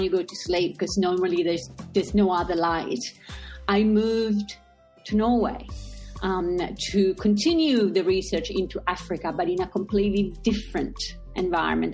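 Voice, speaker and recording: A woman's voice: medium pitch, a little mellow. A middle-aged woman from Italy, a guest speaking from a busy workplace, telling her story in a thoughtful, reflective way. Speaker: guest, social enterprise CEO. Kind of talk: remote interview conversation.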